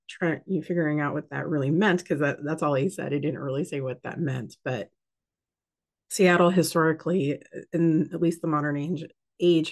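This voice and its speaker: A woman's voice: low voice, gravelly. A woman hosting a casual spiritual talk, rambling with many fillers and restarts. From United States. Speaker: host.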